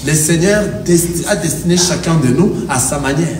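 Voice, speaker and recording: His voice fairly high with a darkish tone, a pastor preaches at a moderate pace, emphatic and rhythmic, as the congregation replies amen. The recording comes from a distant mic in an echoey church hall with faint noise.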